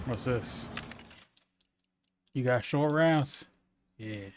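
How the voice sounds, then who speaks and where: A man gives casual commentary over his own gameplay. His voice sits at a medium pitch as he talks offhandedly through the game. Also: drawn-out words, slight background noise. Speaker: video game player.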